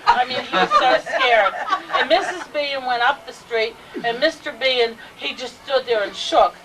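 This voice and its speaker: A woman's voice: high-pitched, animated, unhurried, over a noisy crowd. An older woman telling funny stories at a family gathering and laughing as she goes. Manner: laughs through her stories. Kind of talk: casual anecdote telling. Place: house, indoors. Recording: home video, faint background noise, a little distant.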